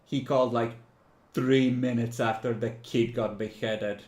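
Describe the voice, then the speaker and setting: Unhurried male game master, echoey room. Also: mid-range voice, fairly even intonation, a little mellow. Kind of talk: improvised tabletop game narration and chat.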